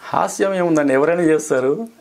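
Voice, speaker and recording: A man's voice: on the high side, fairly quick, gravelly, a little mellow, slight background noise. A man auditioning as an actor in an interview, defensive and evasive, explaining himself at length. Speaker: aspiring film actor.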